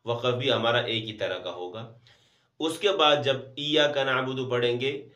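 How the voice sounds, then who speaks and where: A man teaches Quran recitation in a calm, methodical way, moving between plain explanation and long, slow melodic chanting of verses. His voice is bright and forceful. The recording has a roomy, echoing sound. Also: mid-range voice. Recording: roomy echo.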